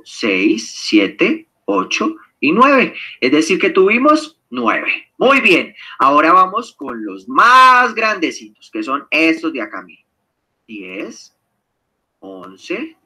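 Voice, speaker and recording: A man runs a seminar in a bright, forceful voice that sits high for a man. He swings his pitch around a lot and keeps firing questions at his audience. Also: husky. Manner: lively, animated, engages the audience with questions. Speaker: seminar leader. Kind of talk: online seminar teaching.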